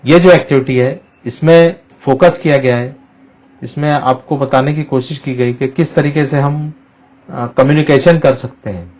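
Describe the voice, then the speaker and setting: A man's voice: medium pitch, steady tone, a little slow, a little mellow, low-quality recording. A middle-aged man, a teacher explaining a lesson to students and slipping English phrases into his talk. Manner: explanatory, mixes English into Hindi-Urdu, frequent "uh" fillers.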